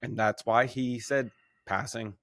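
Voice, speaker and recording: A man hosting a casual sports podcast, laughing easily and talking in quick, lively bursts. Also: mid-range voice, no room sound, clean studio sound. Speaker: podcast host.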